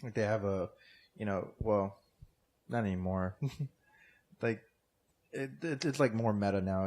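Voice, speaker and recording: An American man with a deep, darkish voice chats casually on a comedy podcast as a co-host or guest. He rambles through his points, full of fillers and restarts.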